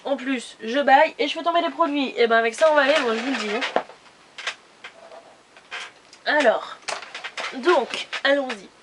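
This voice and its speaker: Woman beauty vlogger, casual and rambling, slightly high voice, faint noise on the track. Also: moderate pace, long pauses. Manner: chatty, rambling, many fillers and restarts. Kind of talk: casual haul video chat.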